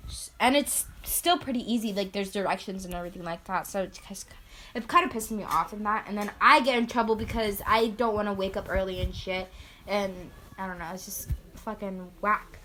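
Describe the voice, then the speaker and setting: A woman's voice: mid-range voice, fairly quick, pushed and bright, slight background noise. A teenage girl co-hosting a casual podcast, telling stories with lots of "like", swearing and giggling. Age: late teens. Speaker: podcast co-host. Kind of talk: casual chat.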